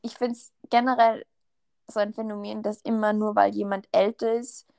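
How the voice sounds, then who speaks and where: A woman's voice: mid-range voice, flat delivery, normal speed, creaky, dark tone, clear, resonant tone, no room sound, studio quality. A young woman with an Austrian accent chatting casually as a podcast co-host, telling stories with many fillers and a note of indignation. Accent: Austrian German. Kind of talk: casual chat.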